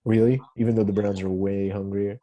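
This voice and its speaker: A man's voice: lowish voice, flat delivery, fairly quick, mellow. A young man co-hosting a casual podcast, teasing his friend and laughing often. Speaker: podcast co-host. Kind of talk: casual chat.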